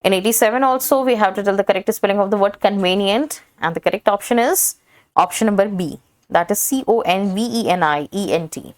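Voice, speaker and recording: A female teacher works through practice questions for an exam. She reads the options out in an even, measured way and stresses each right answer. Her pitch sits in the middle range for a woman. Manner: steady reading of options, stressing the correct answer.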